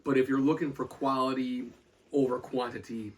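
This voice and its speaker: A man's voice: medium pitch, steady tone, moderate pace. A man co-hosting a casual pizza review podcast, often stammering and restarting his sentences.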